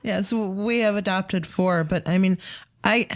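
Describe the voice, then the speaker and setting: A woman co-hosting an interview, sympathetic and halting, often restarting her sentences. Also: medium pitch. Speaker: co-host. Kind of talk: interview conversation.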